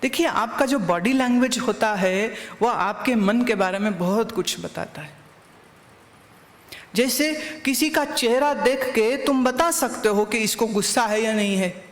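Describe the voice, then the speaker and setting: A woman's voice: on the high side, unhurried. Woman spiritual teacher delivering a satsang, questioning listeners directly; roomy, reverberant recording. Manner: anecdotal teaching with rhetorical questions. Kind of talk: satsang discourse.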